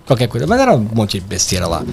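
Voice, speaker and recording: A man with a Brazilian Portuguese accent, a podcast guest and comedian, joking crudely and deadpan in casual chat. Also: fairly low pitch, fast, slight background noise.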